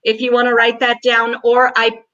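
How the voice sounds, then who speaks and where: A woman's voice: on the high side, monotone, normal speed, a bit bright, muffled recording. A woman co-hosting a casual livestream chat, talking freely and restarting sentences as she multitasks. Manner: chatty, restarts often while multitasking. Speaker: co-host.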